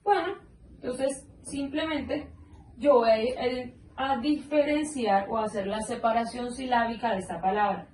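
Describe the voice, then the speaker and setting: Woman teacher, high and unhurried, spells syllables out patiently; roomy, distant recording with faint hiss. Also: darkish tone. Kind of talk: slow explanatory lesson. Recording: roomy echo, mic at a distance, faint background noise.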